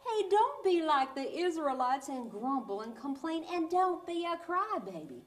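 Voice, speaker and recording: Dressed as a clown in character, a woman with a high-pitched voice full of big pitch swings speaks a little slowly while telling children a Bible tale in an overdone, sing-song manner. The recording is distant and echoey, with faint background noise, fitting an animated kids' lesson.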